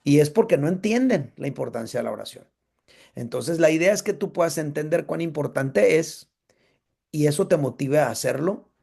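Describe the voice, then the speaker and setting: Gravelly-voiced man teaching a church class. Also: on the high side, expressive, normal speed, warm tone. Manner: conversational, checks in with listeners.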